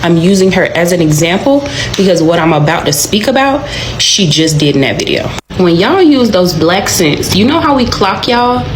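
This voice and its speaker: A woman from Georgia explains her point frankly, with a lowish voice. She sounds roomy, and clear background noise comes through. The delivery is deliberate, like a reaction video.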